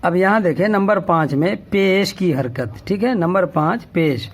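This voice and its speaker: A man's voice: sits high, animated. A man teaching the Urdu alphabet step by step, patiently repeating each vowel sound and often checking in with the learner. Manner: patient, repetitive, checks with "okay?".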